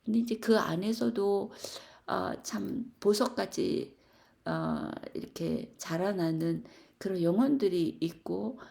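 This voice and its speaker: A middle-aged woman from Korea sharing a reflective, confessional faith testimony in a Bible study, with soft laughs and fillers. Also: on the low side, creaky.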